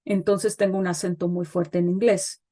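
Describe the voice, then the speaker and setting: A middle-aged woman whose first language is Spanish appears as a guest expert on child development in an explanatory interview. Her voice is fairly low, dark, and flat, and she explains thoughtfully, hesitating often with fillers.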